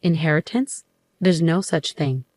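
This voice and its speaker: A woman's voice: low voice, a little slow, dry recording. A woman reading as an enraged, scornful mother. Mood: angry. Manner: sharp, scornful. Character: enraged mother scolding her daughter.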